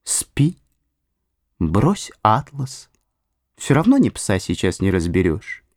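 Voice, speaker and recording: A man's voice: lowish voice, huge pitch swings, slow, no echo, studio quality, heavily acted. A man voicing personified weariness, a soothing inner voice that lulls toward sleep. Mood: lulling. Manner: lulling, soft, hushed.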